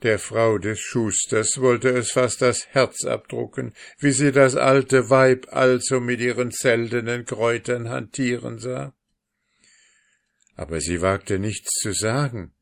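A man reading a fairy tale aloud as narrator in a measured, expressive way. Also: fairly low pitch, gravelly. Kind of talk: storybook reading.

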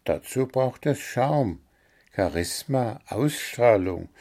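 A prickly, vain gnome, played by a man scolds and boasts in a raised, sharp voice. It sits somewhat higher than the narrator, with a gravelly rasp and a slow pace. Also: animated. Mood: boastful. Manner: sharp, scolding, self-important. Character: vain, prickly male gnome, quick-tempered.

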